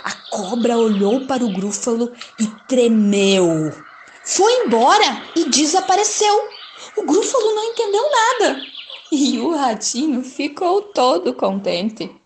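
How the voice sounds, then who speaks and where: A woman telling a children's story with a high, lively voice that rises and falls dramatically. She reads at an unhurried pace, lingering on words for effect. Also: a little hiss or hum. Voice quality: expressive, lilting.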